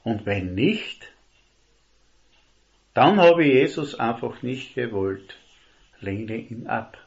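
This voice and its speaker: A man preaching a sermon, earnest and emphatic, slowing down to stress key words. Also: medium pitch, expressive, gravelly. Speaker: lay preacher. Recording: dull lo-fi recording.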